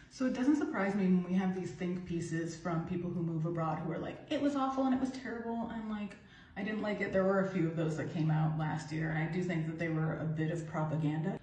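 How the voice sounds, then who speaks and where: A woman's voice: medium pitch, darkish tone, slight background noise. An American woman talking candidly to camera at home, giving her opinions in a casual vlog with lots of "like.". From United States. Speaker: vlogger living abroad. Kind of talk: casual talking-head commentary. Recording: roomy echo, distant mic, faint ambience.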